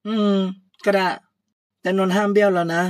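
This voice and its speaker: A woman's voice: medium pitch, flat delivery, normal speed, no room sound, clean studio sound, voice pushed up, lightly acted. A woman doing a haughty young woman boss. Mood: pushy. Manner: loud, scolding, haughty. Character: arrogant young woman, a newly promoted boss. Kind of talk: one-voice audio drama.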